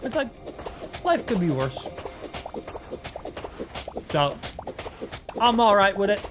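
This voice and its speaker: A man's voice: sits high, big pitch swings, slow pace. A man livestreaming a game with casual, sweary, easygoing chat, his speech slightly impeded as if half his mouth is numb. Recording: music behind the voice. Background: music.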